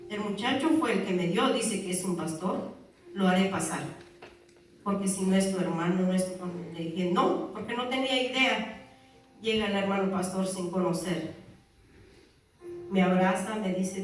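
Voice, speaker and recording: Woman, earnest church testimony, distant from the mic, booming room echo, faint music underneath. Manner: earnest, addresses listeners as brother and sister. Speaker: church member giving testimony. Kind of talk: religious testimony to a congregation. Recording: very echoey hall, far from mic, faint music.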